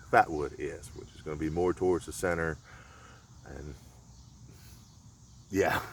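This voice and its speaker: Deep-voiced, laid-back man outdoors. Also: slight background noise. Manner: laid-back, rambling, folksy. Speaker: survival vlogger. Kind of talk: casual outdoor demonstration. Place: outdoors in a rural area.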